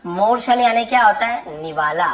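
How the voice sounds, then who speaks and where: A woman teaching an English lesson, reading each English phrase slowly and then explaining it word by word. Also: mid-range voice, animated, low-quality recording. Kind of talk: spoken English lesson in Hindi.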